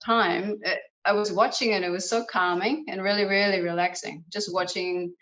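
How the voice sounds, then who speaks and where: A woman with a New Zealand accent, a kyudo practitioner appearing as a martial arts guest, tells her story over a video call in a casual interview. Her mid-range, fairly bright voice stays fairly even at a normal pace, and the sound is lo-fi. She is chatty and enthusiastic, using lots of fillers.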